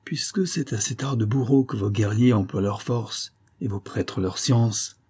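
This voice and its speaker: A man's voice: on the low side, measured pace, darkish tone, slightly rough. A man doing a grave resolute old chief.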